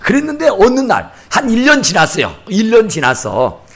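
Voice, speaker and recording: A male pastor delivers a sermon in a church, telling a story with animated swings of pitch. His voice sits high for a man and has a husky edge. He acts out the people in his stories as he goes. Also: moderate pace. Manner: animated storytelling, acting out quotes. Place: church sanctuary.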